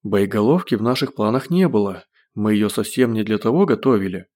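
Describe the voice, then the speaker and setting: Male narrator as a sly captive, soft and plaintive, slightly lifted above his low voice. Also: expressive, fairly quick, natural voice. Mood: wheedling. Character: scheming captive man, wheedling and self-pitying.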